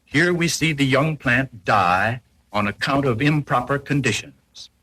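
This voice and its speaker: Unhurried and expressive, a man reads the script of a 1940s-style educational film in a formal, instructor-like way, carefully explaining each point. His husky, slightly rough voice is middling in pitch and sounds pushed and bright on the old soundtrack.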